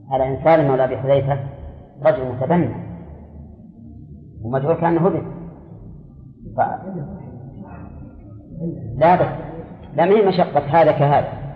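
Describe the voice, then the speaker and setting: Man lecturing in an echoing hall. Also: on the high side. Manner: explanatory, answers students' questions, repeats key words. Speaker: religious scholar teaching a class. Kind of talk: classroom lecture on Islamic law. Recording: phone-like audio in a long-echoing hall.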